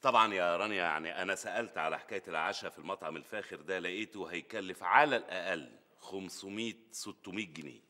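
Sarcastic harried dad, quick talk, bright, sitcom rants. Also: male voice, low voice. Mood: exasperated. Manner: exasperated, sarcastic, rises to shouting rants. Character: harried middle-aged family father Adel. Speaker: sitcom lead. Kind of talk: sitcom acting.

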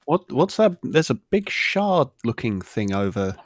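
An excitable British man plays along in a let's-play, often stammering and restarting his sentences. His pitch bounces lively, and the sound is close and dry. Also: unhurried, no echo. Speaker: gaming channel co-host. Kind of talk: casual let's-play chat.

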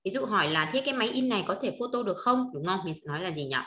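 A woman teaching a language lesson, drilling words slowly and repeating them, often stopping to check that her students follow. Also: mid-range voice, animated, a bit bright, reverberant. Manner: asks frequent checking questions.

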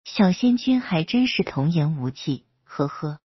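A woman's voice: low-pitched, sing-song, measured pace, slightly rough, no echo, muffled recording, exaggerated voice. A woman voicing a cold, defiant middle-aged mother in a storybook reading, speaking in a mocking tone.

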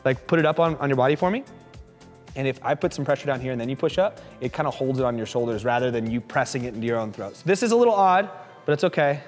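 A man coaching a fitness class, encouraging and joking as he calls out quick repeated cues. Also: medium pitch, expressive, faint music behind. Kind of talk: live coaching class instruction. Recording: echoey hall reverb.

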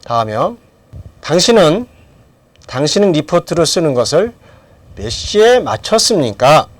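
A man's voice: on the high side, big pitch swings, unhurried, no echo. A middle-aged man teaching English grammar in a lecture, asking questions and then answering them himself. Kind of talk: lecture with drills.

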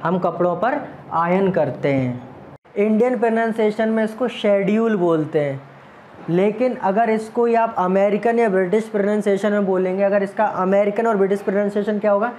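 Teacher drilling pronunciation slowly. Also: mid-range voice, a little mellow, slight background noise. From India. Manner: asks questions, then repeats words slowly and deliberately. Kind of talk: lesson in Hindi, quizzing and correcting.

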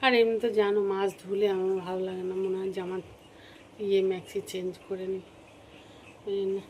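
A woman's voice: medium pitch, flat delivery, fairly quick, a little mellow, slight background noise, poor audio. A woman vlogging casually to her viewers while cooking at home, a little unwell with a cold. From Bengal. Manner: chatty, talks to viewers while cooking and walking. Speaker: family vlogger.

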